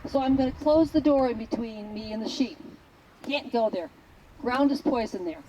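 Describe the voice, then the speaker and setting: A woman's voice: on the high side, moderate pace, warm tone, lo-fi sound. Blunt joking woman instructor outdoors. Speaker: herding instructor. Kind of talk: explaining a test to a class. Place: outdoors at a sheep field. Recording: outdoor recording with traffic noise.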